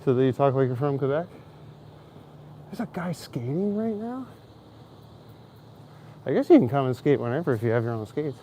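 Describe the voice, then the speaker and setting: A man with an Ontario Canadian accent walks through an outdoor city square in winter, livestreaming and chatting casually with his viewers. He rambles and jokes with frequent chuckles, his medium-pitched voice very animated, warm and moderately paced, with long pauses. Slight background noise is audible.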